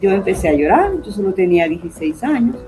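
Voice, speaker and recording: A woman's voice: medium pitch, expressive, fast, dark tone, soft background music, poor audio. A woman giving an earnest personal faith testimony as a panelist, often adding tag questions.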